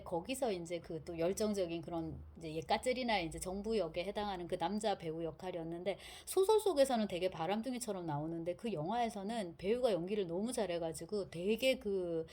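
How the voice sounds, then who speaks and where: A woman explains a classic novel in a relaxed, talkative lecture, with a voice at an ordinary middle pitch. She moves easily between commentary and vivid retelling, and acts out the characters as she goes. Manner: lively storytelling, acting out quotes. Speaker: literature lecturer and translator. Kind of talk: casual literature lecture.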